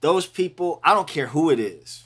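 Fortysomething male musician guest, high and bright voice, emphatic and lively in casual chat. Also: normal speed, husky. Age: 40s. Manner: animated, emphatic, slips into a mock preacher voice. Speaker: bass player guest.

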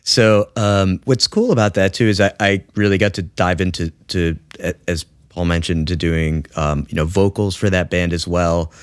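A man's voice: sits low, steady tone, moderate pace, few pauses, smooth, no room sound, studio quality. A man in his thirties, a musician guest talking casually on a podcast, with many fillers and restarts. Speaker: guest bassist.

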